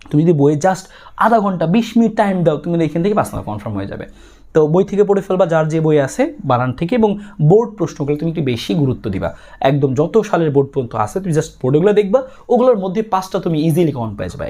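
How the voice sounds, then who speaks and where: A man's voice: a little high, dark tone. A young man with a Bangladeshi Bengali accent, a tutor giving exam tips and talking straight to his students in an emphatic way. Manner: brisk, emphatic, addresses students directly.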